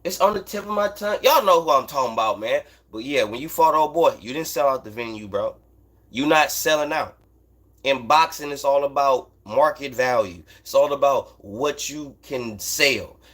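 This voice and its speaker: A man's voice: mid-range voice, moderate pace, fairly bright tone. An American man hosting a casual sports talk stream, speaking in blunt, profane, emphatic slang and repeating phrases to drive his points home. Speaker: host of a boxing talk livestream. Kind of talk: casual unscripted sports commentary, answering chat.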